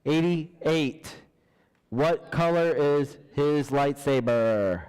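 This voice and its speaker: A man hosting a church trivia night, reading questions slowly, counting down and laughing at himself. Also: fairly high pitch, a little mellow, clean tone. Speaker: trivia host. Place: church hall. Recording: large hall with long reverb.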